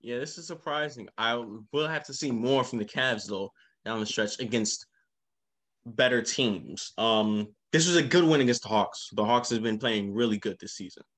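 A man hosting a casual basketball podcast, talking with quick bursts of enthusiasm. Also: mid-range voice, fairly bright tone. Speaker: podcast host. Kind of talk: casual sports chat.

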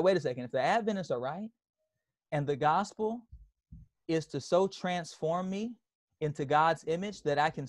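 A man's voice: fairly high pitch, no echo. Emphatic preaching man, dry sound. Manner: emphatic preaching with call-and-response, repeats phrases. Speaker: pastor. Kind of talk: sermon.

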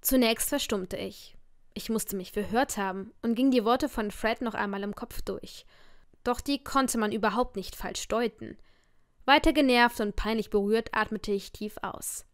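A woman narrating a romance novel as an audiobook in the first person, with expressive storytelling. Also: on the high side, normal speed, no echo, studio quality.

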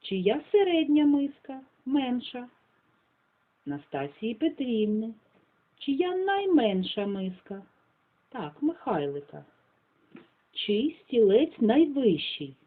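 Woman teacher reading a story to little kids, super lively pitch, soft breathy voice. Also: takes it slowly, long pauses, narrow, tinny audio. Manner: expressive, dramatic reading. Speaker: kindergarten teacher. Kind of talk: storytelling and quizzing children.

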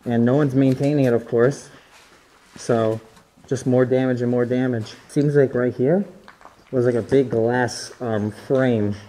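A young adult urban explorer, recorded on a handheld camera, wanders a large abandoned resort building and guesses what each room used to be. His medium-pitched voice is warm, fairly even and a little slow, and he's chatty and easily impressed. Audio quality is low.

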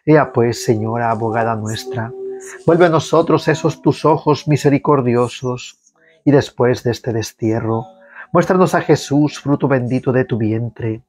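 Man slowly leading a rosary prayer. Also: medium pitch, a little mellow. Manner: slow, measured devotional recitation; guides listeners through the responses. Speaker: prayer leader.

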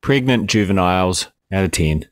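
A man's voice: low voice, expressive, moderate pace, no echo. A man co-hosting a film review podcast, joking and rambling in casual banter, with fillers and swearing.

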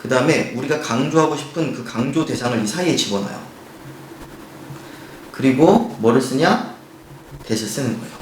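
A man teaching an English grammar lesson. He explains each point step by step, asks rhetorical questions and reads example sentences slowly. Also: medium pitch, roomy sound, a little hiss or hum, poor audio. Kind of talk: recorded grammar lecture.

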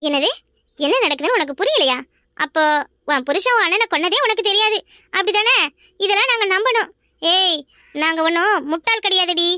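Woman voicing a shrill, scolding cartoon policewoman. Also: expressive, brisk, pauses often, bright, forceful tone, no room sound, clean studio sound, exaggerated voice. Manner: scolding, harsh interrogation. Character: furious middle-aged village policewoman. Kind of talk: cartoon family drama voice acting.

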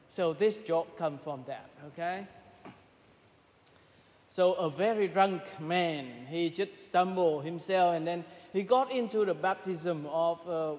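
A man, a priest, reading the Gospel and then preaching a homily, in a measured, pausing way with frequent hesitations, his voice carrying in a church with a cathedral-like echo. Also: a little high. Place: large church. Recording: long reverberant church hall.

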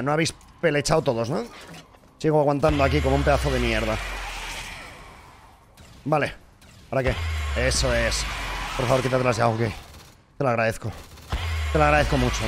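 A man's voice: medium pitch, noisy background. Swearing man playing a game. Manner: frustrated, swears often, talks to the game. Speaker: gaming streamer. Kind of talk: live gameplay commentary.

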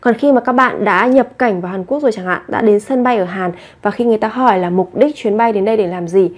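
A woman teaching a language lesson. She reads short model phrases briskly, then explains each one slowly and patiently. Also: medium pitch, a little mellow.

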